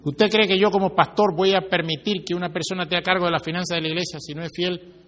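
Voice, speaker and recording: A man preaching a sermon as pastor to his church, swinging his pitch and volume for emphasis. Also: steady tone, fast talker, a bit bright. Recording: reverberant hall.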